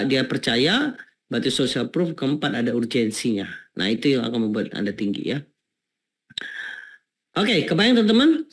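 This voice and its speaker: A man hosting an online marketing webinar, talking casually and asking the audience whether they follow him, with many fillers. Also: medium pitch. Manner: chatty, repeats rhetorical questions to the audience, many fillers. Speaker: webinar host teaching landing pages.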